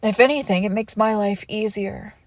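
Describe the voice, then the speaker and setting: In an intimate audio roleplay, a woman voices a seductive, menacing crime boss villain who is also a wounded ex-lover, commanding and breathy and often slipping into whispers. Her mid-range voice moves at a moderate pace with a mocking, dismissive mood, lightly acted and free of room sound.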